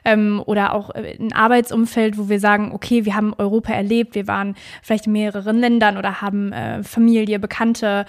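A woman's voice: mid-range voice, flat delivery, fairly quick, hardly any pauses. A woman hosting a podcast, chatty and friendly, with frequent fillers. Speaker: podcast host.

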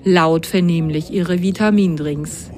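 A woman narrating a children's storybook in a lively, expressive way. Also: on the low side, measured pace, background noise.

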